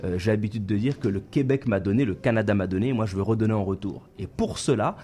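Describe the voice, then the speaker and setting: A man's voice: fairly low pitch, fast talker, mellow. A man who founded a company, a guest on a radio interview, explaining step by step in numbered points in a radio studio.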